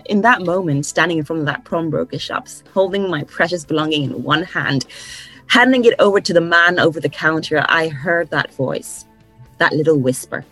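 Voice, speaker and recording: A woman from Ghana, a guest coach on a podcast interview, telling stories in an animated way and laughing often. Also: deep voice, low-quality recording. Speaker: guest, course creation coach.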